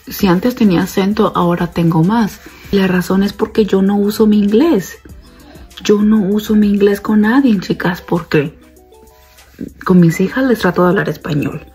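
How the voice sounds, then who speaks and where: A woman's voice: medium pitch, mellow, husky. A young woman vlogging casually to her viewers, chatty and repeating herself as she talks to them directly.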